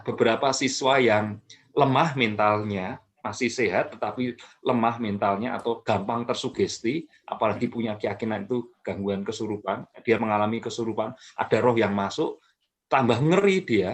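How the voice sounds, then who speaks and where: A man speaking at a middle pitch explains things in a calm, patient way. He often pauses with fillers and restarts his sentences. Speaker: mental health expert guest. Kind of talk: explanatory talk.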